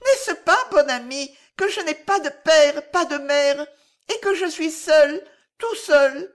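A woman's voice: high voice, slow pace, voice pushed up. A woman reading an audiobook and voicing a small, lonely orphan boy who asks pleading questions. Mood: plaintive questioning.

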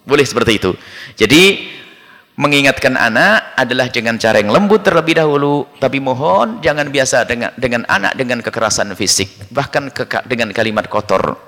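A man's voice: medium pitch, a little fast, bright, forceful tone, long reverb tail. A man preaching a sermon to parents, speaking straight to the congregation. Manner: addresses the congregation directly.

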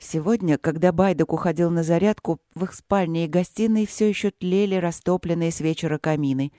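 An audiobook narrator reading a fantasy story in a measured storytelling way. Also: medium pitch, warm tone, no room sound, clean studio sound. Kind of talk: scripted narration.

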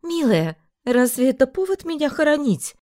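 A woman voicing a grumpy, sly aristocratic mother who talks high, shrill and sharp-tongued. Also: sing-song, moderate pace, no echo, studio quality. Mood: sly warm.

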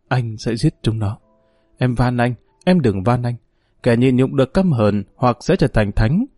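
A man's voice: medium pitch, mellow, dry recording. A man voicing an anguished young male prisoner who speaks with passion and pleading. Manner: impassioned, pleading.

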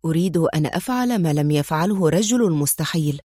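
A woman voicing a calm, self-assured young man who speaks with teasing confidence in an audiobook. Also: deep voice, brisk, breathy edge, no echo, studio quality, voice pushed down. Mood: amused. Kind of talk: audiobook character reading.

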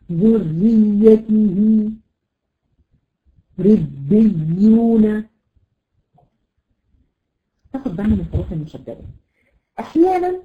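An Egyptian woman teaches a recitation class in a patient, even way, stretching out each example word. Her speech is full of small fillers. The sound is dull and lo-fi, as over an online call. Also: mid-range voice. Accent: Egyptian Arabic. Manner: patient, drawn-out example words, frequent fillers. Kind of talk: online tajweed lesson.

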